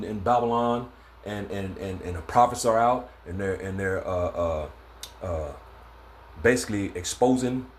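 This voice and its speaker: Man, casual scripture teacher, loose and rambling, fills pauses with "uh" and "man", mid-pitched voice. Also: a little hiss or hum. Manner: laid-back, stumbling, many fillers and "man". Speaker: religious teacher. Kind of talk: informal scripture lesson.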